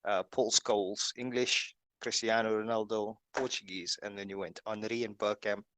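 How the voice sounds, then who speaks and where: A man's voice: lowish voice, steady tone, moderate pace, fairly bright tone, dry recording. Man host listing picks, dry sound. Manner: reads through lists with many fillers. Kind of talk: casual video-call chat.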